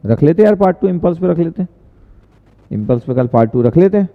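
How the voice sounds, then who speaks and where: A man's voice: on the high side, animated, fast talker. A male tutor teaching casually in a live stream, chatty and answering viewers' questions, often repeating himself. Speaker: online tutor. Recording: tinny, echoey lo-fi stream audio.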